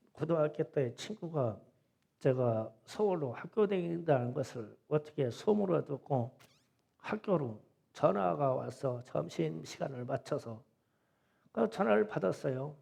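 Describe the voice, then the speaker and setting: A middle-aged man preaching a Sunday sermon in a church, his voice pitched high with a gravelly, creaky grain. He tells his story in a folksy, chatty way. He drops into soft asides and then presses his points home with loud, emphatic insistence. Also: animated, a little slow. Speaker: pastor. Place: church sanctuary.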